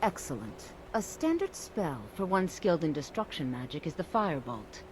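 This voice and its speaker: An actress playing a stern high elf woman mage who guards a magic college gate, with formal, measured speech. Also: very animated, a little hiss or hum.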